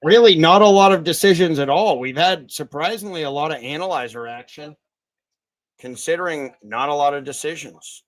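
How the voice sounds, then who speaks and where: An excitable man hosts a live fight stream, calling the action and his bets as they happen. His voice sits a bit high for a man, and he cheers the fighters on as the fight unfolds. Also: normal speed. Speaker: livestream host. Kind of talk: live fight betting commentary.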